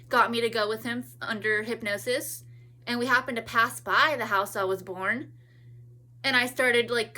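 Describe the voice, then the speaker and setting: Bright-voiced woman in her thirties rambling. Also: fairly high pitch. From California. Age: 30s. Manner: meandering, with many restarts and trailing thoughts. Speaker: vlogger. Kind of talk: rambling personal monologue.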